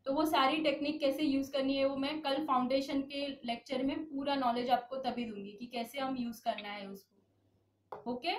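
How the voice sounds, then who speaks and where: A woman's voice: sits high, fairly even intonation, moderate pace, slight background noise. A woman makeup instructor giving an online class, explaining each step and checking in with her students. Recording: roomy echo, voice from a distance.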